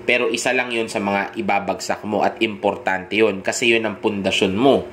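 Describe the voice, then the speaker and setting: A man with a Filipino accent giving dating advice in a direct coaching monologue, often pausing to check in with the listener. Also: on the low side, fairly even intonation, a bit bright, slight background noise. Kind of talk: instructional monologue.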